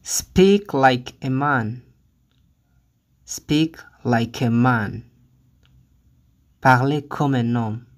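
In this slow, phrase-by-phrase lesson reading, a teacher speaks at medium pitch. Each short phrase is said twice with deliberate care, followed by its translation.

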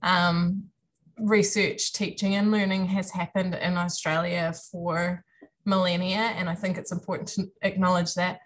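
A university lecturer in her thirties with a New Zealand accent gives students a friendly, self-deprecating career talk online, speaking through a webcam on a video call from a room at home. Her voice sits on the low side, unhurried, with little pitch movement.

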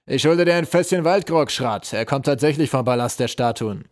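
A man's voice: medium pitch, normal speed, dry recording, studio quality, natural voice. A man voicing a cruel goblin general who interrogates a prisoner in a harsh, threatening, relishing tone. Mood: menacing.

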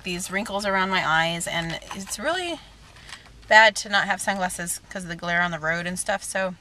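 A woman's voice: mid-range voice, bright, forceful tone, slight background noise. A woman in her thirties chatting casually and rambling to camera from inside a car. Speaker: vlogger. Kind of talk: casual chat. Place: in a car on a road trip.

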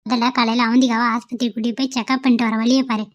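High-voiced woman, muffled audio. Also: level tone, rapid-fire. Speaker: voice actor for cartoon characters. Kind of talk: tamil cartoon drama voicing.

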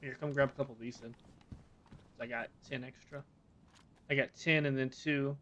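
A man's voice: mid-range voice, fairly even intonation, normal speed, bright, forceful tone, lo-fi sound, a little hiss or hum. A man chatting casually while playing a co-op game, joking and swearing with his partner. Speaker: gamer.

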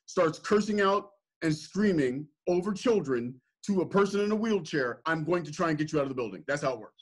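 Brief: male podcast host, firm, insistent, interrupting, slightly high voice. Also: expressive, fairly quick, breathy edge. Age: older than guest. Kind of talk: confrontational podcast talk.

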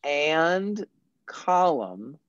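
A math teacher patiently and deliberately explaining a puzzle to young children in an online class. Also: medium pitch, sing-song, clear, resonant tone, dry recording, muffled recording.

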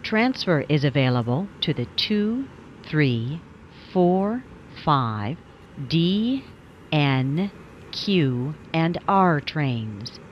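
A woman's pre-recorded transit announcement, with separate words spliced together into a slow, measured, clipped delivery over a train loudspeaker. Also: low voice, very animated, dull audio, a little hiss or hum. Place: subway train car.

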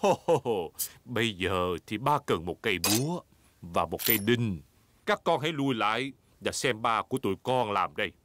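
A man's voice: on the low side, animated, normal speed, background noise, close to an everyday voice. A man voicing a good-natured, confident but bumbling father pig in a children's cartoon, breezy and reassuring. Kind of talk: animated children's cartoon dub.

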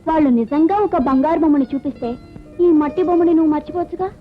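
A woman's voice: sits high, close to an everyday voice. An actress playing a spirited young woman in love who sulks and answers back sharply in an old film dialogue scene. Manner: quick, pouting, sharp retorts. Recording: dull lo-fi film soundtrack with music.

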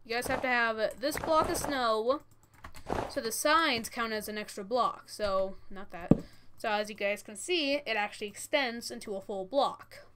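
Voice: mid-range voice, a little slow. A thirteen-year-old who says w for r, giving casual, informal step-by-step commentary as host of a gaming tutorial. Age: 13 years old. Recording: noisy, with keyboard and mouse clicks.

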